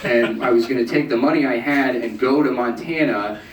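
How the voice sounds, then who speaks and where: A young man performing a stand-up set in a comedy club, deadpan and self-mocking, now and then acting out people in a high mocking voice. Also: normal speed. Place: comedy club stage with audience laughing. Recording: echoey, distant amateur club recording with loud noise.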